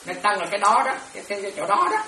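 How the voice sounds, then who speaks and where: A woman's voice: medium pitch, sing-song, very fast, bright, forceful tone. Woman, monastic teacher at a dharma class; repetitive, checks understanding; distant, roomy, noisy recording. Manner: repetitive, keeps checking if students follow. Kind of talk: dharma class explaining Pali terms. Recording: echoey room from far off, ambient noise.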